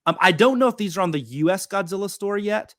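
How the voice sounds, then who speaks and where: A man's voice: sits high, animated, fast talker, a bit bright, no echo. Rambling, upbeat man with a dry sound. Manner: rambling, enthusiastic, many fillers. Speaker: podcast co-host. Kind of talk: casual chat.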